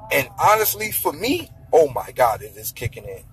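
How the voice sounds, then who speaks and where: With a medium-pitched, fairly bright voice that swings widely in pitch and carries a breathy edge, a thirties-aged vlogger lectures on money at a moderate pace. His casual rant to camera is blunt, profane, and repetitive for emphasis. Soft music sits in the background of the poor audio.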